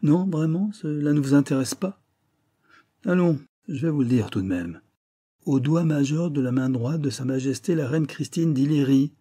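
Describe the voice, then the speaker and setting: A man's voice: medium pitch, lively intonation, moderate pace, warm tone, slightly rough. Man doing a teasing, ironic police inspector. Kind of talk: audiobook character reading.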